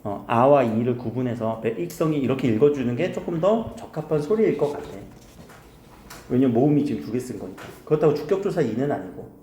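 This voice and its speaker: A man teaching grammar in a casual recorded lecture, often quizzing his students with quick questions. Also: mid-range voice, big pitch swings, dark tone, slight background noise. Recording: echoey room.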